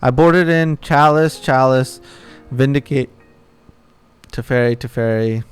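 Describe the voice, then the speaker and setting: Man with a smooth voice muttering at a card game. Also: mid-range voice, measured pace, faint music behind. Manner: swears, mutters, swings between outbursts and quiet grumbling. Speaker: streamer. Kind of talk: live-streamed card game commentary.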